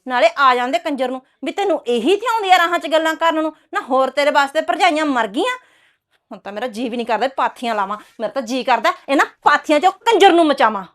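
A woman playing a sharp-tongued scolding housewife. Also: high-pitched, lively intonation, quick pace. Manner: scolding, cursing. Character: sharp-tongued village housewife, angry and proud. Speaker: actress. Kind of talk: village drama dialogue.

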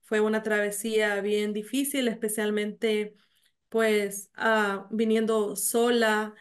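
A woman, telling her story haltingly over a video call, full of fillers and restarts. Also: medium pitch, level tone. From El Salvador. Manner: hesitant, many fillers and restarts. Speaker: mayor, interview guest. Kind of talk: remote interview. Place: small home office.

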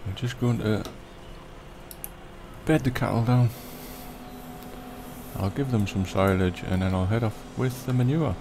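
A man giving relaxed, rambling commentary over a farming game, with lots of ums. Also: on the low side, measured pace, long pauses, noisy background. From Britain. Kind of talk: casual gameplay commentary.

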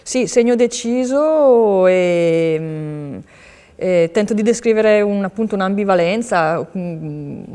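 Casting: young female artist, mid-pitched, hesitant interviewee, long studio reverb. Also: lively intonation, slow, dark tone, clean tone. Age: young adult. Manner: hesitant, reflective, trailing phrases. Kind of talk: interview answers. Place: indoor TV studio with hard floor.

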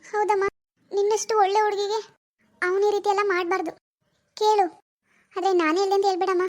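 A woman's voice: very high voice, flat delivery, brisk, darkish tone. A woman acting as an older mother-in-law who soothes her daughter-in-law while stirring trouble against her son. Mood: concerned. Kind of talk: amateur family drama acting.

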